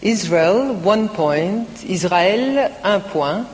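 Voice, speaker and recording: Slow, measured woman contest presenter. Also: medium pitch, animated, darkish tone. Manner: repeats each score in English then French, measured. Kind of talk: live broadcast presenting. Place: large concert hall. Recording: live broadcast from a concert hall with audience.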